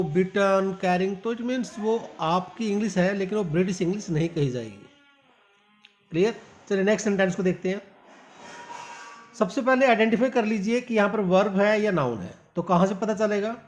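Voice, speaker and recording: A man's voice: sits high, rough recording. A man teaching English pronunciation, stretching out example sentences word by word and calling his learners "my dear". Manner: slow, drawn-out reading of example sentences. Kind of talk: spoken English lesson.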